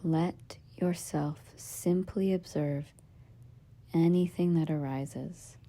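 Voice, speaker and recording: Guiding a meditation as a yoga nidra teacher, a woman speaks in a low-pitched, steady, soft, breathy and husky half-whisper. Her instructions come gently and soothingly, in short phrases with pauses between them.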